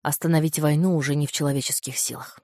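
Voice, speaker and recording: A woman voicing a wary older male guard commander who speaks low, slow and with distrust. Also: steady tone, mellow, no room sound, studio quality. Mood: stern.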